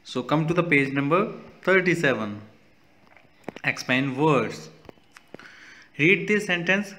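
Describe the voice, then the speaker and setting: This male teacher has an Indian accent and a mid-range, sharp-toned voice. He takes students slowly through a textbook exercise, saying each word aloud and moving between English and Hindi.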